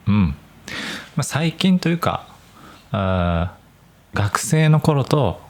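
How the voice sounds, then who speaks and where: Low, lively man explaining clearly. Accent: mostly standard Japanese with slight Nagoya touches. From Nagoya, Japan. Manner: clear, careful explaining with a relaxed, chatty tone. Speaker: podcast host. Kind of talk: solo podcast for language learners.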